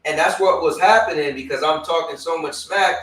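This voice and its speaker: A man hosting a casual talk show, telling animated stories and acting out other people's lines. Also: a little high, fairly quick, roomy sound, distant mic, low-quality recording. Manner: animated storyteller, acts out friends' lines. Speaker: host. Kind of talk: casual chat.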